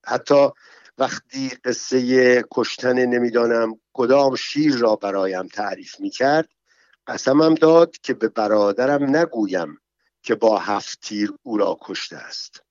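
A man's voice: mid-range voice, darkish tone, no room sound, lightly acted. A man reading the lines of an angry young female cabaret dancer, in an indignant, complaining manner. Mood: sulky. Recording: dull, dry, slightly muffled sound.

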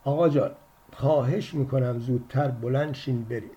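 A man voicing a tired, trembling old uncle with a thick Turkish accent, pleading slowly on the phone in an audiobook story. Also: medium pitch, steady tone, mellow, muffled recording, lightly acted. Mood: distressed. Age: older. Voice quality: trembling, shaky. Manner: pleading, slow and wordy.

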